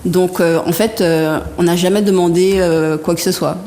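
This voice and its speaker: A woman in her thirties from Martinique, a guest artisan telling her story in a soft, hesitant, often laughing way. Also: fairly low pitch, steady tone, normal speed. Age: 30s. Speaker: guest artisan and interior decorator. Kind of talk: casual interview talk. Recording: reverberant room with faint background noise.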